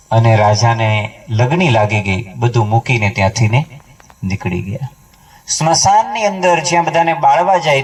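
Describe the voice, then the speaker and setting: A man telling a devotional story as a sermon at a home memorial gathering, his voice rising and dropping for emphasis. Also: fairly bright tone. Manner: story-telling, voice swinging high and low for emphasis. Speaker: devotional speaker. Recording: voice picked up from a distance.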